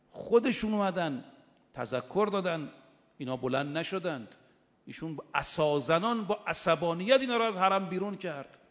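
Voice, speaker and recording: A man preaches a religious sermon with a fairly high voice, building to emphatic, forceful peaks. The recording is dull and muffled, with a long echo from a large hall. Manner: impassioned, rising to emphatic peaks. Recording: dull sound in a reverberant hall.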